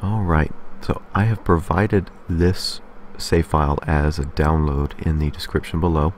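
A man with a very deep voice and fairly even intonation hosts a casual game-building tutorial, unhurried, with a little hiss or hum. He explains methodically step by step, often checking in with a short "okay."

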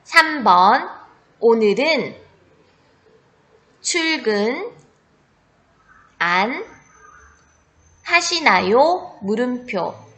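A woman's voice: fairly high pitch, big pitch swings, very slow, pauses often, fairly bright tone. A woman teacher dictating test sentences to children phrase by phrase, enunciating carefully and reading the punctuation aloud. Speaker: teacher giving a spelling test.

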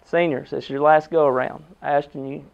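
A middle-aged American man delivers a pep speech to his team as their coach. His voice is high for a man and clean, without rasp. He drives the message home in short, emphatic phrases and rhetorical questions, captured on slightly dull camera audio in a locker room. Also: fairly even intonation, normal speed. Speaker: basketball head coach. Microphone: camera a few metres away.

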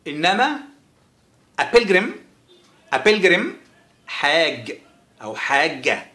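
An Egyptian man teaches vocabulary with a bright, slightly high voice. He stretches each English word out slowly and says it again and again. The room gives his voice a roomy echo. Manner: says English words very slowly and repeats them, then explains quickly. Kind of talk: vocabulary lesson with slow repetition.

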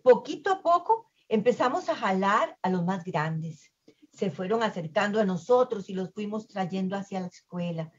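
A woman voicing a calm female dolphin teacher who explains in a measured way. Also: medium pitch, lo-fi sound, natural voice. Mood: serious.

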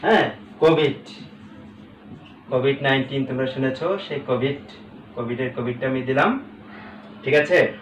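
Man teaching slowly in an echoey room. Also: mid-range voice, far from the mic. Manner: spells out words slowly syllable by syllable, checks in with "ঠিক আছে?". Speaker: English teacher. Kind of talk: recorded classroom lesson. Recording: echoey room, away from the mic, faint background hum.

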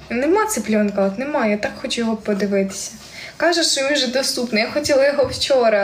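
Giggly young woman reading stream comments, echoey room. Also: on the high side. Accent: central Ukrainian surzhyk. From Ukraine. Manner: reads viewer comments aloud and answers them, giggly. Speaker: live stream host. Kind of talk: casual live-stream chat reading comments. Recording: echoey room with faint ambient noise.

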